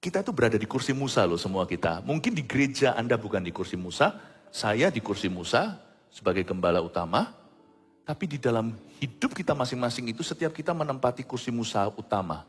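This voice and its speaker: A man preaching as a pastor, animated and acting out the voices of others, with English phrases mixed in. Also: medium pitch, a little fast, husky. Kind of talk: sermon. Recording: long hall reverb, faint music.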